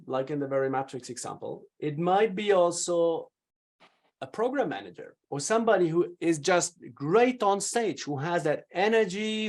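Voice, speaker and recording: A man speaking as a video presentation coach, answering interview questions in an energetic, emphatic way with shifting loudness. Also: high-pitched.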